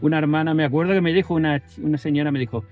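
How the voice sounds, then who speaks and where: A man's voice: a little high, fairly even intonation, very fast, narrow, tinny audio, faint music behind. A man, telling a personal story in a rambling way with many restarts. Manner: rambling, with self-corrections and fillers. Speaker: vlogger.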